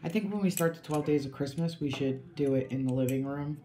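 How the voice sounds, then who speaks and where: Woman, very low voice, casual jokey chat, rambling, roomy home recording. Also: fairly quick, mellow, a little hiss or hum. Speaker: podcast co-host.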